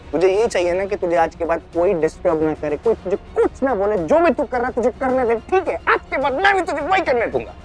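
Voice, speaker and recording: An actor playing a loving but deeply hurt elder brother who scolds his sibling, pleading one moment and shouting the next.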